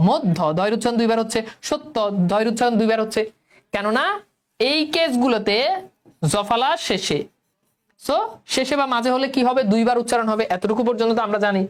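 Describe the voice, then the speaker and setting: A young woman teacher with a colloquial Bangladeshi Bengali accent, leading an online lesson and quizzing her students in a coaxing way. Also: fairly high pitch. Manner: coaxing, quizzes students, repeats words slowly.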